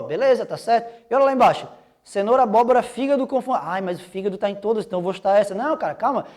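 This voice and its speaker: A man's voice: sits high, a little mellow. A young man with a Brazilian accent teaching an online exam-prep biology lesson in a casual, slangy, joking way. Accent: Brazilian Portuguese.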